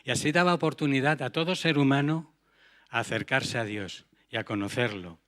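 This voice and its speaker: A man's voice: medium pitch, moderate pace, fairly bright tone. Earnest male preacher. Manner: earnest, rhetorical questions to the congregation. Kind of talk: sermon.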